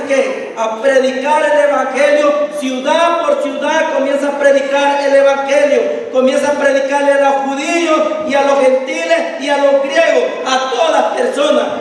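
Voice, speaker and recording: A man preaching a sermon in a church, often asking the congregation to finish his sentences and acting out scripture dialogue. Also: extremely high pitch. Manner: call-and-response questions to the congregation. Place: church sanctuary. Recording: echoey hall, distant mic.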